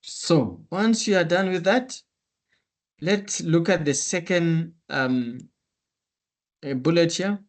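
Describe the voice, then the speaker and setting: A male instructor on a video call, walking through a screen-share tutorial step by step in a methodical way. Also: on the high side. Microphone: computer mic on a meeting call.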